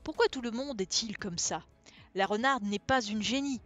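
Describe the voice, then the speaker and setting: A woman's voice: fairly high pitch, normal speed, fairly bright tone, soft background music, natural voice. A woman reading a fable aloud and voicing a boastful, envious male donkey in a smug, self-pitying tone. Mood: resentful.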